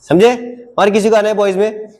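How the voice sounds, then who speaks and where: A man's voice: sits high, level tone, brisk, darkish tone. A man teaching a class of children in a classroom, coaxing and asking them the same question again and again. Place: classroom with a projector.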